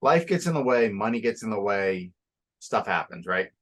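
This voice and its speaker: Man, young adult, lowish pitch, sleepy, profane casual chat, podcast co-host. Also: animated, normal speed, a bit bright. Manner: loose and profane, laughing and yawning.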